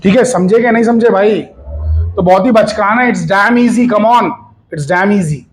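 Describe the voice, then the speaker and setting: A man's voice: high voice, slow pace. A man teaching a recorded physics lesson in a chatty, coaxing way, switching between Hindi, English and Marathi asides.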